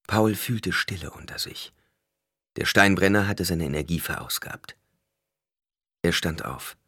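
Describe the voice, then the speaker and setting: Male audiobook narrator, very low voice, lively intonation, dry close sound. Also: breathy edge, no echo.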